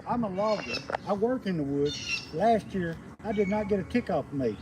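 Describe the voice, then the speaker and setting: With a high, animated voice, a fifty-something man from the US South, a logger and homesteading livestream host, meanders through folksy, hesitant talk. He's outside by a country road, birds and rural sounds in the background.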